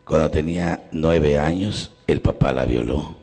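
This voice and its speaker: Gravelly Mexican priest preaching. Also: male voice, very deep voice, a little slow. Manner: preaches to a congregation and swings between loud emphasis and quiet, intimate questions; acts out the people in his stories. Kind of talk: sermon with storytelling.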